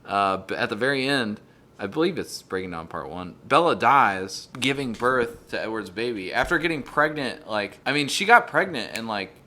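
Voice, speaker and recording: A man's voice: mid-range voice, lively intonation, normal speed, pushed and bright. A young man co-hosting a casual podcast, rambling through a story with lots of hedging. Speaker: podcast co-host. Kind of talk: casual chat.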